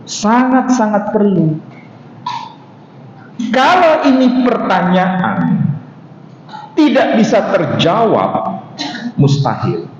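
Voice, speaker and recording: A man's voice: high-pitched, very animated, extremely slow, long pauses, darkish tone, a little hiss or hum. A man teaching a religious study class, asking rhetorical questions and answering them himself. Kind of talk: mosque study lecture. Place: mosque hall. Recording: dull echoey hall recording.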